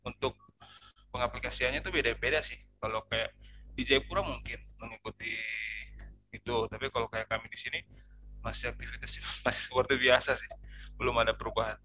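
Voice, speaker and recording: A man speaks through a face mask, his voice bright and forceful at a middling pitch. He is chatting casually on a video call from an office. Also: fairly even intonation, brisk, slight background noise, rough recording. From Papua, eastern Indonesia.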